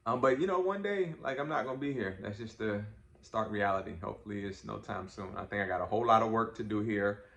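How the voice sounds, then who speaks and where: Talking fast in a low-leaning, creaky, slightly bright voice, this middle-aged man co-hosts a podcast with his daughter. The chat is casual, teasing, and relaxed, loaded with fillers, and the sound is roomy.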